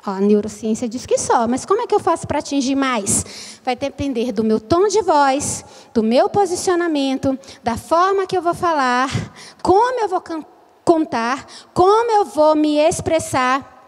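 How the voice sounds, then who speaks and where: A woman lectures in a high, lively voice. She teaches with animation and acts out her examples in different voices, and her words carry a long hall reverb. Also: measured pace. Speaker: lecturer training church children's workers.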